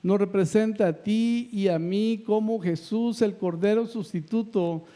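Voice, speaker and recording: A man's voice: sits high, a little slow, dark tone. A male pastor preaching a sermon with emphatic, repeated phrases.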